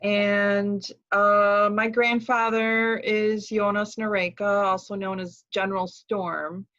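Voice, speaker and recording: A woman's voice: mid-range voice, level tone, takes it slowly, a bit bright. A woman answering interview questions in a plain, direct way, on dull lo-fi audio. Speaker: interview guest.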